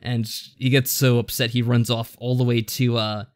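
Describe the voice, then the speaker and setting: In a casual discussion recapping a visual novel, a male podcast co-host rambles and hesitates his way through the story. His voice is medium-pitched and level, at a moderate pace.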